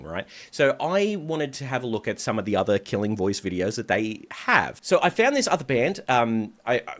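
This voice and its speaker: A man working as a vocal coach, chatting through a music reaction and breaking down the harmonies as he listens. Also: medium pitch.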